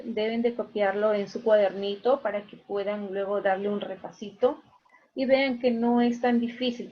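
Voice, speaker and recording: A woman teaching an online class, patiently repeating key points and checking in with her students. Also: mid-range voice. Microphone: video call. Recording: muffled video-call audio.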